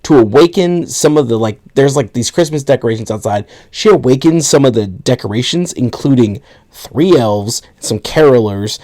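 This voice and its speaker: Young male podcast co-host, lively pitch, sarcastic plot recapper. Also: normal speed. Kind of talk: casual movie review chat.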